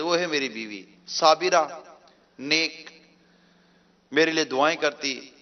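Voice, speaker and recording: A man's voice: on the high side, pushed and bright, lo-fi sound. A man preaching a sermon, telling a story emotively with repeated phrases.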